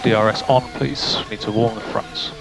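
Gravelly race engineer on team radio. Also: male voice, lowish voice, moderate pace, music in the background, rough recording. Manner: calm, terse radio calls of gaps and instructions. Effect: team radio to the driver's car.

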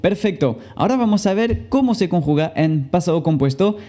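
A man's voice: high-pitched, expressive, brisk, warm tone. A young man teaching, a native French speaker giving a language lesson and carefully drilling verb conjugations.

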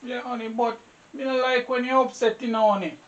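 A Jamaican actress playing a meek, henpecked boyfriend who pleads softly in patois. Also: female voice, on the high side, steady tone, fairly quick, dull audio, lightly acted. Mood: pleading. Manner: pleading, soothing. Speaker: actress in a low-budget film. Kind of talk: Jamaican film acting in patois. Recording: distant mic with faint noise.

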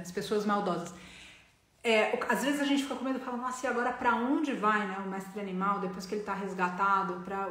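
A woman's voice: medium pitch, fairly bright tone, roomy sound. A Brazilian woman hosting an animal sanctuary livestream, speaking earnestly in casual talk that turns impassioned. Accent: Brazilian Portuguese. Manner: earnest, grows impassioned and emphatic.

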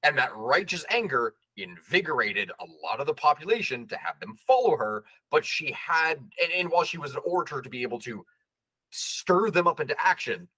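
A man co-hosting a casual history podcast, holding forth with firm opinions. His voice is bright and forward with a husky edge. The sound is dry and close, with no room around it. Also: fairly high pitch, sing-song, fairly quick, no echo, low-quality recording. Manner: opinionated, explains at length. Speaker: podcast co-host.

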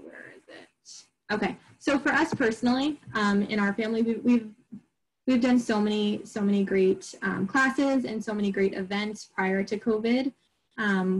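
A woman's voice: medium pitch, poor audio. A middle-aged woman from Long Island giving an informal presentation to parents, chatty and full of fillers and restarts. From Long Island, New York. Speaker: homeschool group presenter. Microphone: recorded online program.

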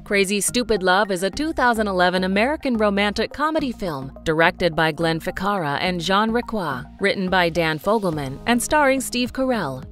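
Woman reading a steady scripted voice-over. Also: medium pitch. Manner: even, informative. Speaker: narrator. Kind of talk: scripted narration.

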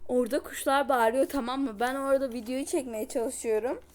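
A woman's voice: high voice, steady tone, a little fast, a little mellow. A young woman vlogging casually while baking, chatty and self-mocking. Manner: chatty, dramatic outbursts and self-mocking complaints.

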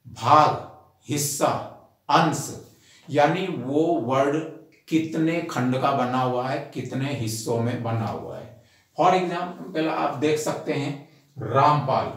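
A man with an Indian accent teaching an English spelling lesson, explaining each rule step by step and reading the English rule lines out slowly, word by word. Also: mid-range voice. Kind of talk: spoken grammar lesson. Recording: very echoey room.

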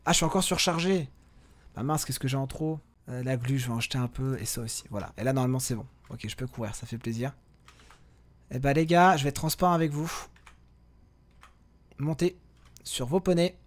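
A man's voice: medium pitch, fairly even intonation, brisk, long pauses. A man giving casual let's-play commentary as a gaming video host, chatty and often correcting himself as he talks to viewers and his in-game companions. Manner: drops to a hushed voice while sneaking.

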